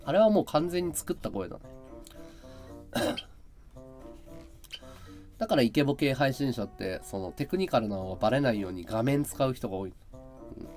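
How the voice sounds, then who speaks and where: A male live streamer in casual chat, with a high, carrying voice, explaining his audio setup. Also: expressive, normal speed, pauses often, darkish tone, soft background music. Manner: chatty, explains his audio gear and voice tricks. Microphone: desk mic through an audio interface and mixer.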